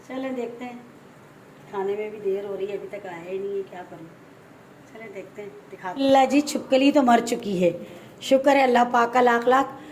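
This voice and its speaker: A middle-aged woman from Pakistan with a Pakistani Urdu accent, chatting casually in a family vlog at home and telling a story in an animated way, with lots of repetition for emphasis. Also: medium pitch, noisy background. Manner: frightened and fretful at first. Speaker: vlogger. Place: home, moving between rooms and a balcony.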